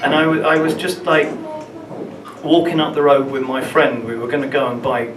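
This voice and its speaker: A man performs spoken-word storytelling at an open mic night, stumbling over and repeating words mid-sentence. He sounds distant from the mic, his voice bouncing around a live room with steady crowd-space murmur behind him. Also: mid-range voice. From London, England. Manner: halting, restarts and repeats words while telling his story. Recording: roomy, distant, with room ambience noise.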